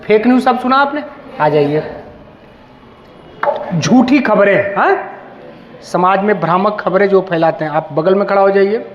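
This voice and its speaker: High-voiced man teaching in an echoey hall. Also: animated, normal speed, a little hiss or hum. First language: Hindi. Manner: calls students forward one by one, encouraging. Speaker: police officer leading a school workshop. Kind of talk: interactive classroom teaching. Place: school hall. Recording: echoey hall, dull lo-fi sound.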